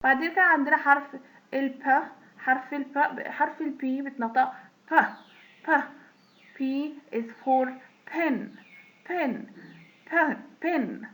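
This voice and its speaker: Very slow high-voiced Egyptian woman teacher. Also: fairly bright tone, rough recording. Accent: Egyptian Arabic. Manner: repeats each sound and word slowly, in a drilling way; patient, checks in with "okay?". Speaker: English teacher. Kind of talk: phonics lesson for learners.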